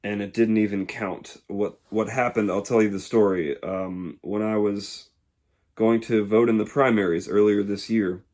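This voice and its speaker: A man in his twenties from Georgia, speaking in a casual, reflective monologue that pauses often to find the words. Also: on the low side, steady tone, darkish tone. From Georgia, USA. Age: 20s. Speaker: YouTuber.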